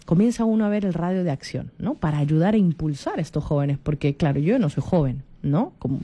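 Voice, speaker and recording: On a radio program, a Peruvian woman in her forties with a Peruvian Spanish accent talks casually in a mellow, soft voice that sits low. She is chatty, restarting phrases as she goes and tacking on little tag questions.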